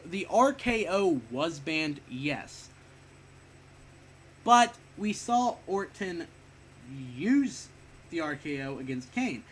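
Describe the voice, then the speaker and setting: A man's voice: sits high, fairly bright tone. Rambling young man reviewing wrestling. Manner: rambling, self-correcting, swears casually. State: slightly sick, short of breath. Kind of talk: casual spoken review.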